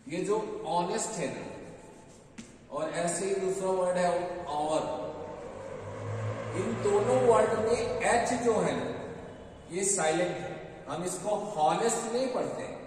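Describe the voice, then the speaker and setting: A man with an Indian accent teaching English grammar, asking questions and answering them himself, slowly drilling each point. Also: sits high, a little mellow. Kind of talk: classroom grammar lesson. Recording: echoey hall, from far off, faint noise.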